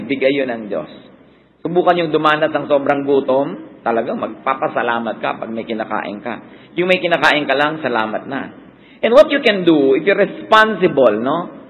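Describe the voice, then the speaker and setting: A man's voice: on the high side, fairly bright tone, dull audio. Filipino guy preaching, mixes tagalog and english, does little voices of people griping, a bit of hiss behind. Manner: switches between Tagalog and English, mimics complaining voices. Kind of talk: sermon.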